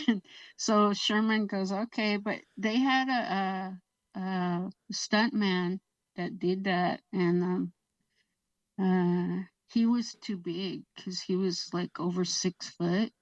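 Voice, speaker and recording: A woman's voice: medium pitch, fairly even intonation, slow pace, dry recording. A woman guest telling a laughing anecdote in an interview, acting out quoted lines. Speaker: guest actress. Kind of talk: storytelling interview. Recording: distant, dull lo-fi sound.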